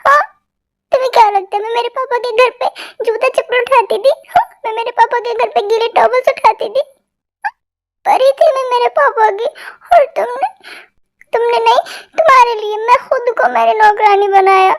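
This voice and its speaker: A dramatic young wife, whiny and tearful, played by a woman in a homemade fan dub. Her voice is extremely high-pitched, and it breaks into sobs and accusations. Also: moderate pace. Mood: tearful accusing. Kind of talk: amateur Hindi fan dub.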